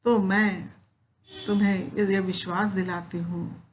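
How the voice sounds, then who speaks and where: A woman teacher reads verse aloud and then explains it in simple words. She speaks at a slow, unhurried pace and at a middling pitch. A faint hiss runs under the recording. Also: level tone. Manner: recites verse lines, then explains them in plain Hindi. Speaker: Hindi teacher. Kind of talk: recorded lecture explaining poetry.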